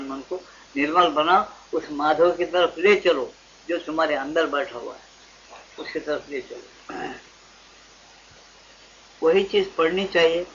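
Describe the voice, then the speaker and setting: An older man from India delivers a spiritual discourse, often pausing to ask his listeners questions. His voice sits a little high for a man. It reaches us on a dull, lo-fi archival tape with a faint hiss underneath. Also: a bit bright. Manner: asks listeners rhetorical questions and acts out dialogues. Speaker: spiritual teacher. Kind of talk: devotional discourse to an audience. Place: satsang gathering hall.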